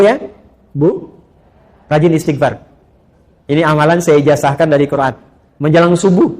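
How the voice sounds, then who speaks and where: A middle-aged man preaching to women, telling stories with sudden rises and soft asides. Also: a little high. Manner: animated storytelling with rising exclamations and soft asides. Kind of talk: sermon to women.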